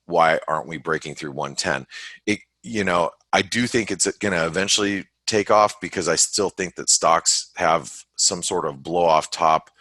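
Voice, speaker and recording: A man talks through the markets on a trading webinar in a very low, forceful voice. He halts, restarts and fills gaps as he thinks aloud. The sound is close and dry, with no room around it. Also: dry recording. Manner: halting, many restarts and fillers, thinks aloud. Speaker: forex market analyst. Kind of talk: casual webinar market commentary.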